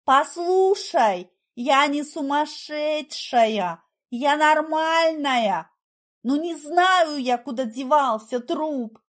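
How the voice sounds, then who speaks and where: A woman reading an audiobook, voicing an excitable, frightened young woman who speaks in an agitated, pleading way. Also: takes it slowly. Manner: agitated, pleading, high-strung.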